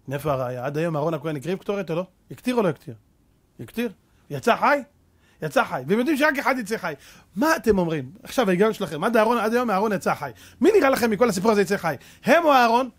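A man's voice: high voice, a bit bright. A man preaching a Torah sermon as a rabbi, fervent and full of rhetorical questions, mixing street slang with scripture.

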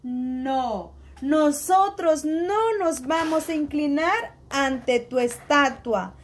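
A woman voicing calm, faithful young men. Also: sits high, very slow. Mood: steadfast.

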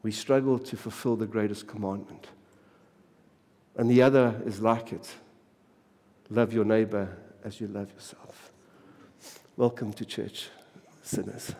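A pastor preaching a sermon, repeating phrases for emphasis and dropping to a hush on key lines, from South Africa. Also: male voice, lowish voice, fairly even intonation, a little slow, long pauses, breathy edge. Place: church sanctuary. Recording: long church reverb.

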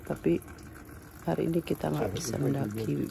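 A woman's voice: low-pitched, animated, moderate pace, gravelly, a crowd in the background. A woman in her thirties hiking and talking to her phone camera, chatting casually and switching between two languages, a bit out of breath from the climb. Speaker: travel vlogger. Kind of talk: casual vlog chat. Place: outdoors on a mountain trail. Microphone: phone camera at arm's length. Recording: phone video outdoors with music underneath. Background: background music.

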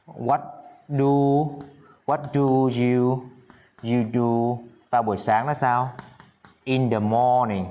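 A man teaching an English lesson in Vietnamese, drilling English phrases slowly and often checking that his students follow. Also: mid-range voice, darkish tone. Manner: drills English words slowly, repeats himself, coaxing checks. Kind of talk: classroom-style video lesson.

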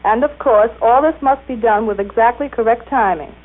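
A woman giving a formal, scripted explanation with precise, measured enunciation. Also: fairly high pitch. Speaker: machine operator being interviewed. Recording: tinny, band-limited 1930s radio recording.

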